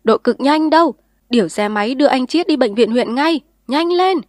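A woman voicing a bossy old village man who yells orders in alarm at a fire. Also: high voice, animated, normal speed, no room sound, studio quality, voice pushed up. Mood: frantic shouting. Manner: yelling in alarm.

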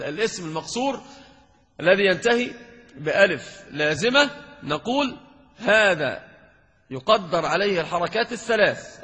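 High, bright-voiced sheikh teaching grammar. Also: male voice, slightly rough. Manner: lively, questions and teases students. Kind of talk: classroom grammar lesson. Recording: dull lo-fi hall recording.

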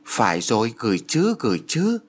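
Guy playing a grieving village mom who keeps crying out for her daughter, lively pitch. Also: moderate pace, natural voice. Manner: cries out, pleading and overjoyed. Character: grieving village mother, pale and longing for her dead daughter.

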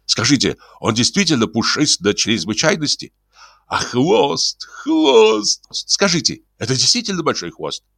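A man's voice: medium pitch, huge pitch swings, measured pace, vocal fry, a bit bright, slightly rough, no echo, studio quality, voice pushed up, heavily acted. A man voicing a fawning, giddy grown man who gushes in breathless sighing exclamations in an audiobook. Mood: gushing. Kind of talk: audiobook character voice.

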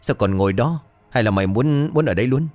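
A man's voice: mid-range voice, expressive, a little fast, darkish tone, faint music behind, pitched above the performer's own voice, lightly acted. A man voicing a bad-tempered older male landlord who snaps and curses at his servant. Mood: angry scolding. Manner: snapping, scolding and cursing.

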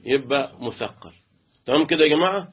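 Quizzing students and chanting letters, an Egyptian-accented man leads an interactive lesson on tajweed, the rules of Quran recitation. He talks fast in a medium-pitched voice with a breathy edge, heard over a tinny, phone-like line.

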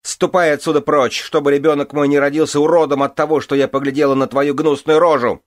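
A man's voice: on the high side, wildly swooping pitch, slow pace, gravelly, no echo, clean studio sound, pitched above the performer's own voice, exaggerated voice. A man voicing a hysterical young queen who screams accusations in an audiobook. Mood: frantic.

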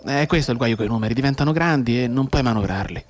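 This male actor, speaking at medium pitch in a natural voice, plays a maimed young soldier sunk in despair for a radio drama monologue. He seems to strain to remember, brooding and halting as he moves between hushed and agitated tones.

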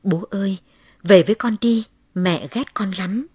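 A woman's voice: medium pitch, measured pace, warm tone, breathy edge, no room sound, clean studio sound. A woman reading aloud voices a lonely little girl who pleads in tears for her absent father. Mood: tearful. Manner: tearful, pleading.

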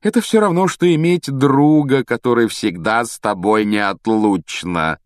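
A man's voice: mid-range voice, measured pace, no room sound, voice pushed up, natural voice. A man imitating a lonely eleven-year-old girl who gushes and confides trustingly. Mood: gushing. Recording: dry close audiobook sound.

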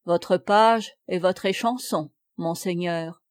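A clever young serving boy, quiet and deferential, played by a woman narrator in a storybook reading. He speaks softly and slowly, close and dry to the mic. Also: fairly low pitch, no room sound.

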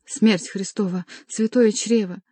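A woman's voice: mid-range voice, steady tone, a little slow, dark tone, no room sound, lightly acted. A woman voicing a stout nobleman stuck in a narrow passage, speaking in half-choked, grunting exclamations. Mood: strained. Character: strained, puffing nobleman stuck in a narrow hole.

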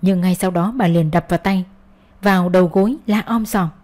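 A woman's voice: on the low side, fairly even intonation, brisk, darkish tone. A woman narrating a first-person audio story in a wounded, bitter tone.

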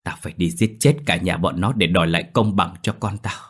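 A man's voice: low-pitched, a little fast, fairly bright tone, husky. A man voicing a hot-tempered, grieving older father in a ghost story. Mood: furious. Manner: angry, scolding. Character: hot-tempered old father, grief-stricken.

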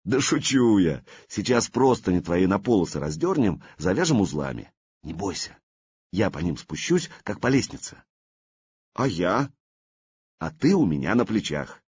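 A male reader voicing a bold, daring young warrior with a Norse accent, speaking low and calmly. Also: normal speed, slightly rough, no room sound, lo-fi sound, exaggerated voice. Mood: reassuring. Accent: Norse-tinged Old Russian speech. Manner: low, steady, menacing calm.

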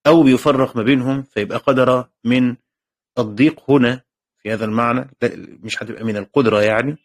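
A man's voice: mid-range voice, fairly even intonation, fast. A man with an Egyptian Arabic accent teaching a text commentary in class. He reads formal passages, explains them in colloquial speech, repeats key phrases and keeps checking that his students follow. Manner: shifts between formal reading and colloquial explanation.

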